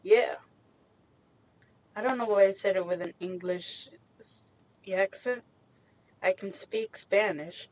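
Sitting in her small parked car, a young woman of Mexican heritage vlogs into a handheld USB microphone, rambling casually in slangy, self-mocking talk. She speaks slowly with long pauses, in a medium-pitched, slightly mellow voice, on a rough recording.

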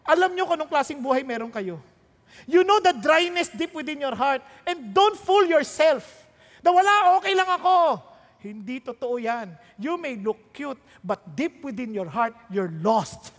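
A woman's voice: high voice, animated, a little slow, in a large hall. A woman pastor preaching a sermon, throwing rhetorical questions and jokes at the congregation while mixing Tagalog and English.

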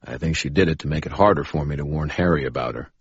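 A man's voice: a bass voice, fast talker, husky, no echo, muffled recording. A man voicing the first-person hero in dialogue, tense and pleading. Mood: urgent. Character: urgent young man pleading for help.

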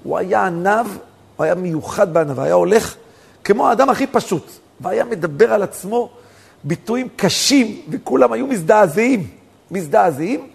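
A man, a rabbi, telling stories in a sermon, swinging from soft talk to emphatic outbursts. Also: high voice, animated, creaky, slightly rough. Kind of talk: storytelling sermon.

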